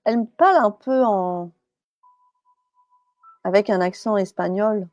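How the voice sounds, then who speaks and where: A woman's voice: mid-range voice, measured pace, darkish tone, no room sound, muffled recording. A woman medium on a live stream, chatty and hesitant, with many fillers and restarts, relaying messages as quoted speech.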